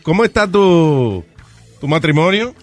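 A man's voice: fairly high pitch, animated, a little slow. A man hosting a comedy radio talk show, playful and teasing, dropping English phrases into his talk. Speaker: host. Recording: loud music playing behind.

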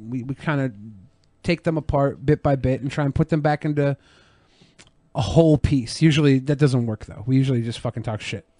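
A man's voice: mid-range voice, a little fast, mellow, dry recording. Male podcast host, casual and profane, dry close mic. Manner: loose, joking, swears a lot. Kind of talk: casual chat.

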